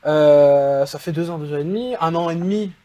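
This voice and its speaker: A man's voice: a little high, normal speed, warm tone, highs cut off. A man with a French accent, a guest in a casual interview, explaining at length with many fillers. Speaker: guest, e-commerce agency founder.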